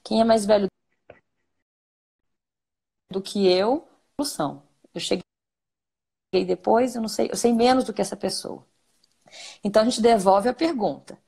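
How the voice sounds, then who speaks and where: A woman's voice: mid-range voice, moderate pace, gravelly, long pauses, warm tone, slightly rough. A Brazilian woman therapist explaining ideas in a conversational interview, asking and answering her own questions.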